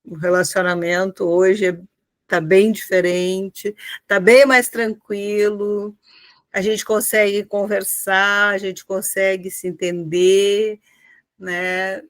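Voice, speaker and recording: A woman's voice: mid-range voice, level tone, takes it slowly, no echo. A woman, telling an emotional personal story on a live stream, repeating her words. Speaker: caller.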